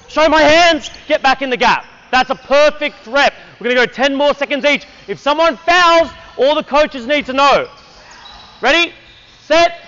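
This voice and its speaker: A man's voice: very high voice, bright, forceful tone, clear, resonant tone, muffled recording. A man coaching a basketball clinic on an indoor court, energetically calling out drills and counting down for players.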